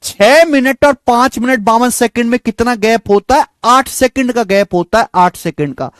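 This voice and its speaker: Maths teacher guy, high lively voice, repeats stuff a lot for emphasis, dry close mic. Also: normal speed, dry recording. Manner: repetitive, emphatic, addresses students as "beta" and "dear friends"; acts out gunshot sounds. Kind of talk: explaining a word problem.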